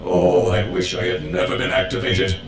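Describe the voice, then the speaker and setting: An actor playing a bombastic, fiercely patriotic war droid in a video game, with grandiose formal speech. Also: male voice, sits low, monotone, normal speed, natural voice. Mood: earnest, melodramatic. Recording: roomy echo, clear music underneath.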